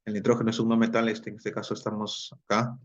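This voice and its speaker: A man's voice: lowish voice, monotone, fast, muffled recording. A man teaching a chemistry lesson, explaining step by step, repeating key terms and checking in with his students.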